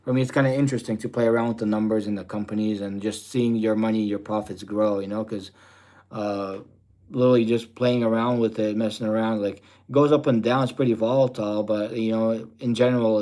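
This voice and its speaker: His voice is lowish and mellow: a young Russian livestream host who rambles loosely while fielding viewer questions. Fillers such as "you know" and "type deal" crop up constantly.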